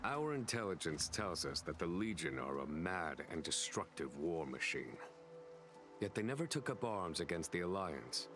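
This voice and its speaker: A male actor with a low-pitched voice plays a calm but burdened general of a fantasy realm in a video game. He speaks in a measured, formal way, sounding grave and analytical.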